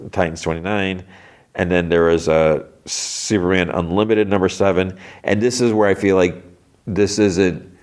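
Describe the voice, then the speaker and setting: Low-pitched and congested, a man hosting a podcast rambles casually about comics. His talk is full of restarts and trailing thoughts.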